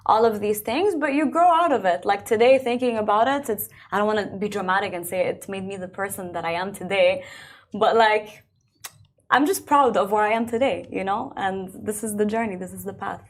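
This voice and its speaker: A young adult woman who grew up in Belgium, a singer talking about her life in a relaxed, chatty interview, full of filler words. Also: medium pitch, fairly quick. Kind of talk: casual interview conversation.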